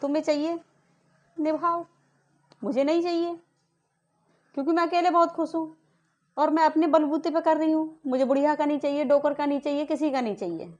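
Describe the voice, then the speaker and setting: Indignant high-voiced woman ranting. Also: fairly quick, pauses often, a little mellow, muffled recording. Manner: indignant, accusing, repeated rhetorical questions. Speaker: vlogger. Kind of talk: angry family-dispute rant to camera.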